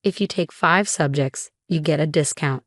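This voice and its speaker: An earnest teenage boy from a storybook pleads for a chance to study, read by a woman narrator. The voice sits fairly low, and the sound is dry and close. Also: normal speed, no room sound. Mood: pleading.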